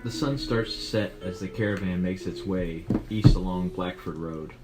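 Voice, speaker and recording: A man narrating a tabletop game as game master, calm and descriptive. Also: low voice, normal speed, poor audio. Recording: music playing behind.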